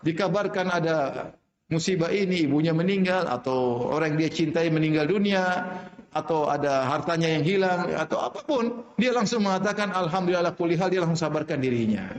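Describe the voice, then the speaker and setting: A man delivering a sermon in a fairly high voice, driving his points home by repeating key lines and slipping into Arabic recitation. The room around him is echoey, so his words ring out with a noticeable reverb. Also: a little fast. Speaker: Islamic preacher.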